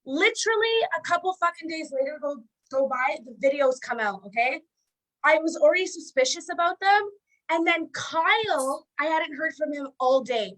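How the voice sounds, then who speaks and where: A woman and former house guest telling a lively story on a video call. She swears freely and acts out the quotes. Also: sits high, normal speed, low-quality recording. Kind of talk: casual storytelling.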